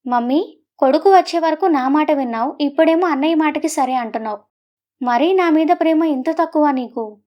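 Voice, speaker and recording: Storybook daughter: young, petulant, whining, high voice, as a woman narrator plays her. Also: normal speed, lo-fi sound, close to an everyday voice.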